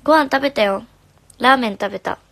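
A young woman, a singer, chatting casually on a live stream, reading comments in a soft, friendly way and sometimes whispering. Her voice is slightly hoarse. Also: on the high side, quick pace, no echo. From Japan. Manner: soft and friendly, drops to whispers now and then. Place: home room. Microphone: phone.

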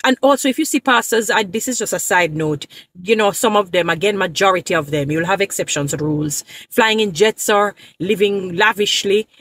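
A woman's voice: medium pitch, moderate pace, a bit bright, no room sound. A woman in her thirties talking straight to her phone camera from a parked car, defending churches in an emphatic, lecturing way and repeating points for emphasis. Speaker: social media creator. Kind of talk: direct-to-camera preaching commentary. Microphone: phone camera at arm's length.

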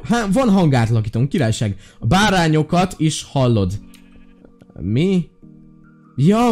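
A man hosting a gaming channel, giving excitable commentary, talking to his viewers and squealing with delight. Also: fairly high pitch. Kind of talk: let's play commentary.

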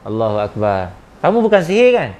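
A man's voice: medium pitch, wildly swooping pitch, brisk, darkish tone, a little hiss or hum. A man, a spiritual healer running a healing session with probing, firm questions.

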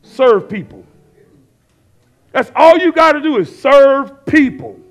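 High-voiced man preaching, loud swings. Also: expressive, slow pace, soft background music. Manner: conversational preaching, rising to shouts, asks the crowd to fill in words. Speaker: pastor. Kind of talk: sermon. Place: church stage with screens and worship band behind.

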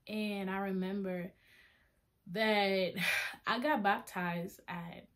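Her medium-pitched voice is steady, slow and fairly bright as this seventeen-year-old vlogger from Honduras shares testimony in a casual talking-head video. Speaking with a Honduran Spanish accent into a webcam right in front of her face, she chats away in her small bedroom, where a flag hangs on the wall, frequently starting over and laughing at herself.

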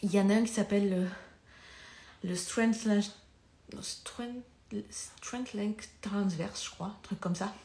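A woman's voice: medium pitch, steady tone, measured pace, long pauses, warm tone, reverberant. A woman physiotherapist gives a live lesson on pelvic floor health. She talks conversationally, loses her thread and comes back to it, and moves around while she demonstrates.

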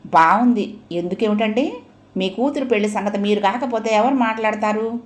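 A woman's voice: mid-range voice, moderate pace, close to an everyday voice. A woman voicing a middle-aged mother who coaxes and pleads with her husband, in an audio story. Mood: pleading. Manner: coaxing, pleading.

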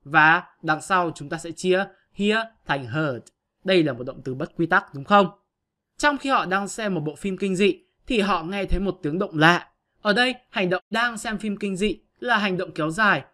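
A man's voice: sits high, lively intonation, normal speed, sharp tone. A male teacher giving an online grammar lesson, patiently explaining step by step to his pupils.

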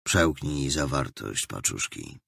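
A stern, cold interrogator, as a male audiobook narrator puts him on, hands out orders in slow, clipped phrases. The voice sits very deep and gravelly, with a husky grain. Every threat comes out flat and quiet. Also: dry recording, clean studio sound, heavily acted. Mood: cold, commanding. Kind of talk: audiobook character voice.

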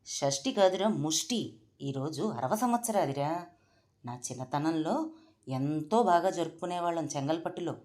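A woman voicing a domineering elderly mother-in-law who scolds the household cook in a loud, raised voice. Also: low-pitched. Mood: scolding. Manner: shouting, scolding, nostalgic.

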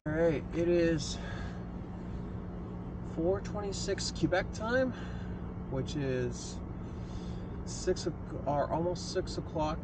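A man in his thirties talks to an action camera on a road trip, relaxed and plain, with ums as he works things out aloud. Loud engine and outdoor noise sits under his voice the whole time. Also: fairly high pitch, slow, long pauses. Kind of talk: casual on-camera vlog. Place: outdoors in a parking lot and inside a car.

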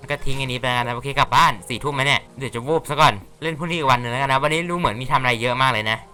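A man's voice: mid-range voice, pushed and bright, smooth. A man casually commentating a farming game, chatty and playful, reading the characters' lines aloud. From Thailand. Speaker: gaming YouTuber. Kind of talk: casual Let's Play commentary.

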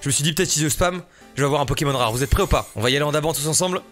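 A man playing a video game on camera and riffing for his viewers, excitable and full of street slang. His voice sits a little high for a man, with faint game music playing underneath. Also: very fast. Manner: excitable and joking, slangy, laughs often, talks to viewers. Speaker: gaming YouTuber. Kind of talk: casual let's-play commentary.

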